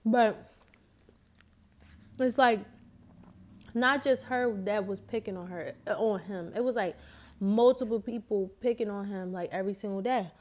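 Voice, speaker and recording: A woman's voice: medium pitch, a little slow, pauses often. A woman casually telling a story in slangy speech while eating, her mouth sometimes full. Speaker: vlogger.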